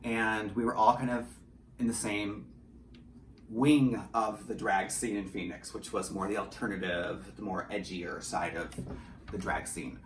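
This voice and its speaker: In a lowish voice with a steady tone, a man speaks unhurriedly during a casual interview about his creative work. He writes and directs audio dramas and comes across as talkative and self-deprecating, with some swearing. He's in a small home studio indoors; the recording has roomy echo and faint background noise.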